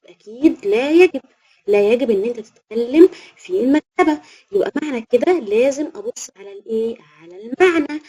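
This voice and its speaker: Egyptian woman, English teacher for young pupils; high, patient, question-and-answer delivery, slow on the English examples. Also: warm tone. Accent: Egyptian Arabic. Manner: patient, asks and answers her own questions; slows down to read English examples aloud. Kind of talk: classroom grammar lesson.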